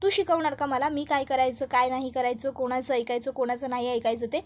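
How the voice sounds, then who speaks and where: A woman voicing an enraged middle-aged father who shouts and scolds in a serial recap. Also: high-pitched, fairly even intonation, fairly quick, close to an everyday voice. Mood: angry shouting. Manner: yelling, scolding.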